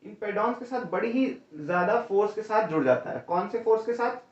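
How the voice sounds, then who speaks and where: A man's voice: sits high, lively intonation, fairly quick. A male teacher giving an exam-prep lecture, explaining step by step and often checking in with "है ना?" and "ठीक है?", calling students "भैया". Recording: roomy, distant, dull lo-fi sound.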